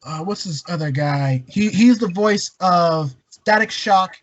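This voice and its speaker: A man from Maryland in a casual podcast chat, talking in a rambling, animated way with lots of fillers. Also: high-pitched, measured pace. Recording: dull lo-fi sound with faint hiss.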